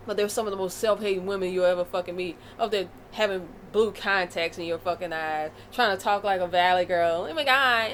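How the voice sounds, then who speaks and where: A woman's voice: on the low side, a little hiss or hum. An American woman vlogging a casual commentary rant, blunt and profane, with a fired-up delivery. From United States.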